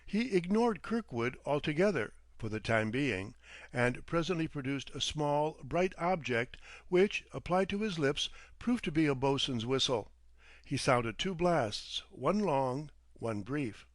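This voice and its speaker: Reading vintage detective fiction aloud, a medium-pitched man narrates in a measured, literary style while sounding animated. The recording is dry.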